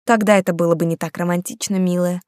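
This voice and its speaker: A woman's voice: on the low side, fairly even intonation, fast, a little mellow, no room sound, clean studio sound, lightly acted. A woman voicing a confident, teasing male nobleman who speaks tenderly and playfully in an audiobook.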